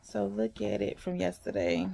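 A woman's voice: medium pitch, steady tone, moderate pace, gravelly, mellow. A woman, chatting casually to her viewers, laughing often as she talks. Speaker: vlogger, single mother. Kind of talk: casual chat to camera.

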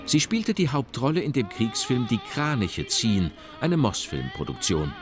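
A man reading scripted documentary narration in a measured, expressive way. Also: medium pitch. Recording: narration over loud music.

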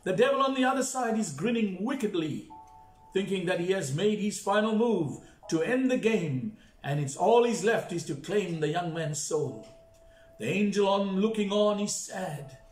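A man's voice: sits high, lively intonation, normal speed. A male pastor telling a story in a sermon, with dramatic, repeated emphasis. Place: church. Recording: echoey church with faint music.

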